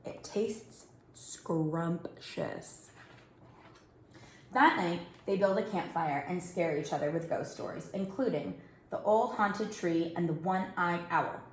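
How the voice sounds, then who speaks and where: A female storyteller with a lowish voice reads a picture book aloud to young children, slowly and expressively. The indoor recording sounds roomy and echoing, with a little hiss or hum.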